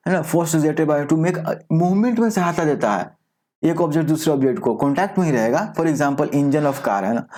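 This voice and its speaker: A man teaching a school science class online, often asking rhetorical questions and mixing in English terms, reading definitions out slowly. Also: a little high, darkish tone. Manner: explains with frequent rhetorical questions. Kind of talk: recorded online class lecture.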